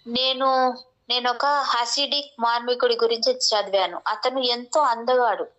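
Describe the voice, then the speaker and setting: A woman slowly reading a spiritual text aloud, with a few restarts. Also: on the high side, steady tone, a bit bright, highs cut off. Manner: slow, measured reading with restarts.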